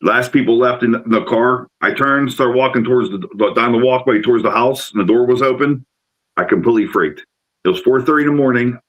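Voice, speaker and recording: A middle-aged man telling a rambling, excitable story as a guest in casual chat, repeating words as he goes. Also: mid-range voice, brisk, muffled recording. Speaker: paranormal investigator guest.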